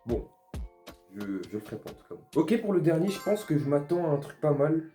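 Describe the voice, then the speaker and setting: Man casually reacting, dark-toned voice. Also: a little high, sing-song, a little fast, faint music behind. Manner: amused, thinks aloud, reacts as he discovers. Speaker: art vlogger.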